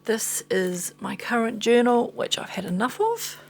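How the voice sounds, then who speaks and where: Showing off items on camera, this New Zealand woman rambles casually, pokes fun at herself and strays from the topic. She's tired and a bit hoarse from losing her voice, pitched fairly high with big swings, and she talks a touch slowly.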